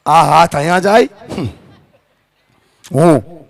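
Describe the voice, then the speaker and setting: A man giving a live motivational talk on stage with a handheld mic, energetic and rhythmic, leading the crowd in call-and-response slogans. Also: a little high, a little fast, no room sound. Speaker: motivational speaker. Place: stage before a live audience. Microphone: handheld microphone.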